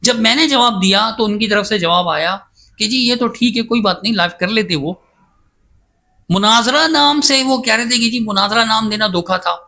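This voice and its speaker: A man's voice: high voice, bright, forceful tone. A man speaking as a guest scholar in a podcast interview, insistent and emphatic as he defends himself at length. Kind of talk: casual debate-style interview talk.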